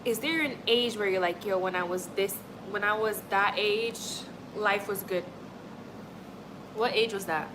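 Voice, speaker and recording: A chatty young woman from Montreal, Canada, hosts a livestream, rambling casually with her live chat and often using "like" and "honestly." She has a mid-range voice and a measured pace, with noise in the background.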